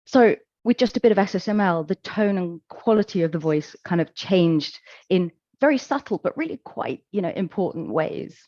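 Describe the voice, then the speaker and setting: Low-voiced woman giving a measured talk. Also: animated, dry recording, muffled recording. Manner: measured, explanatory, gentle fillers. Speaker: conference speaker. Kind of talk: presentation talk.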